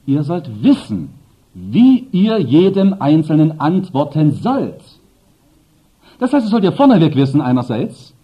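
A man's voice: on the high side, slightly rough. A man preaching a sermon, speaking emphatically and addressing the congregation with asides. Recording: dull lo-fi sermon recording.

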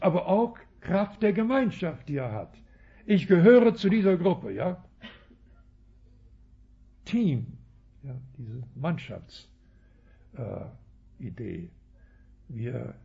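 A man's voice: a little high, vocal fry, husky, lo-fi sound. A man giving an expository sermon as a Bible teacher, with a habit of tagging sentences with "ja" and correcting himself as he goes. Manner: frequent tag "ja", self-corrections.

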